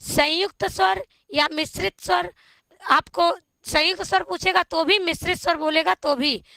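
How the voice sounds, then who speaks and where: A woman teacher with a very high, bright voice works through exam questions at an unhurried pace. She repeats each option and keeps asking viewers for the answer. The sound is close and dry. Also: fairly even intonation, vocal fry, no room sound. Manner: slow, repetitive quizzing of viewers. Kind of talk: exam-prep lesson on Hindi grammar.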